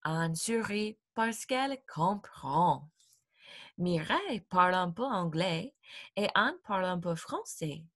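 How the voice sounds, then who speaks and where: A woman teacher reading a graded storybook aloud for her class, slowly, clearly and expressively. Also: on the low side, expressive, a bit bright.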